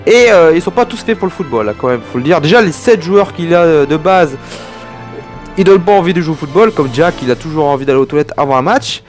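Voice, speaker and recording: A man's voice: fairly high pitch, animated, fast talker, soft background music. A young man from France casually reviewing an anime, rambling and digressive with chatty asides to his viewers.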